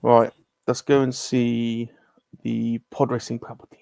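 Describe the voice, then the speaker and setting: A man's voice: medium pitch, flat delivery, a little slow, gravelly, darkish tone, no room sound, studio quality. A British man hosting a casual live-stream chat, chatty and laughing often. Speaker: host.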